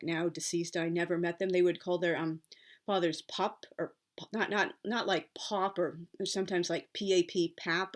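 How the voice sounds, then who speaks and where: A woman with a Pittsburgh accent giving informal explanatory talk as a writer, in a halting, rambling and opinionated way. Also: lowish voice. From Pittsburgh, Pennsylvania, United States. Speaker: writer giving writing advice.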